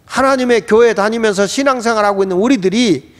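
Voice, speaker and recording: A man's voice: high voice, fast talker. A male pastor preaching a sermon emphatically, his voice swelling into exclamations, in a church sanctuary. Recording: echoey church hall.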